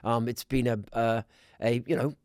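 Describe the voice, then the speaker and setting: A middle-aged man from Scotland, a podcast guest talking in a measured way with many restarts. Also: medium pitch, little pitch movement, darkish tone, dry recording, studio quality. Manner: measured, with frequent restarts and fillers. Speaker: guest, business council president. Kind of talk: conversational podcast interview.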